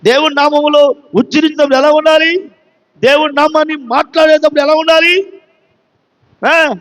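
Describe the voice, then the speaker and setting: High-voiced preaching man, echoing hall. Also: level tone, moderate pace, a bit bright. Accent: Telugu. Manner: preaching with rhetorical questions; emphatic, repeats phrases. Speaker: pastor. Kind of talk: sermon.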